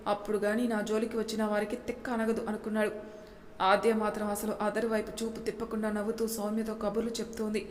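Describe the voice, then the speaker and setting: A woman narrating a romance storybook in an even, steady reading manner. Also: mid-range voice, fast, a little hiss or hum. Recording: long hall reverb.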